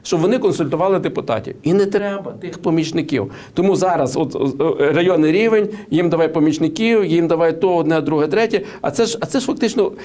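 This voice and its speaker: A man's voice: on the high side, fast talker, hardly any pauses, warm tone. A man giving political and economic commentary in an interview, who hesitates with many fillers and restarts and tells anecdotes. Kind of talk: studio interview.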